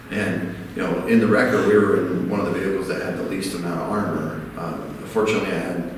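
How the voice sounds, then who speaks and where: A man tells a story from his deployment in halting bits, full of fillers. His voice is very deep. The mic is distant in a reverberant space, with clear ambient noise. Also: steady tone. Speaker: veteran. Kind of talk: interview anecdote. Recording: echoey hall, distant mic, background noise.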